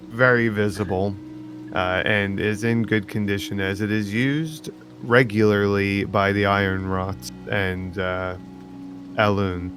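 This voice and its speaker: A man with a fairly low voice narrates a tabletop scene as game master, taking his time and filling pauses with "uh" and "um". Clear music plays under him. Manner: slow, descriptive, with many fillers. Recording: background music.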